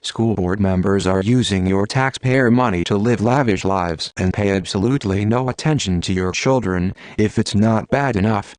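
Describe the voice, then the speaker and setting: Low-voiced man delivering a solemn scripted warning. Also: moderate pace, few pauses, darkish tone, dry recording. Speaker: activist spokesperson. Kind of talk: scripted video message, formal address.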